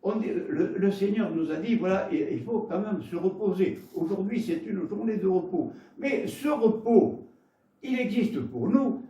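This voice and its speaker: A man with a Gascon French accent delivers a sermon in a fairly high voice, halting and repeating words as he slips into homely stories. He is picked up from some way off the microphone, and the church hall around him rings with echo. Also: far from the mic. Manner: halting, repeats words, warm storytelling asides. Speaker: preacher.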